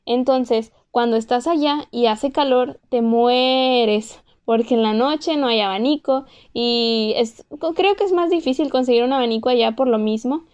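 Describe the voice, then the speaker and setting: A twentysomething woman from Monterrey, Mexico, casually tells of her exchange-student days, peppering her first-person story with "pues" and "o sea." Her somewhat high voice is clear, resonant and darkish, unhurried yet nearly pause-free, on a lo-fi recording.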